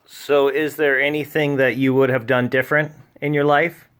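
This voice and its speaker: A man's voice: medium pitch, flat delivery, normal speed, a bit bright, clean tone. A man interviewing someone in a casual, encouraging chat.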